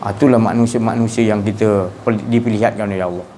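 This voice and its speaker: A man's voice: lowish voice, steady tone, quick pace, mellow, a little hiss or hum. A man with a Malaysian Malay accent giving a colloquial religious talk, who speaks rhetorically and keeps firing tag questions at his listeners. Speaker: preacher.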